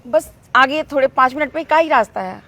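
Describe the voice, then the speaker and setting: A woman's voice: high voice, a little fast, a bit bright. A woman playing a polite, pleading mother. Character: polite middle-aged mother and official. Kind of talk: acted short skit.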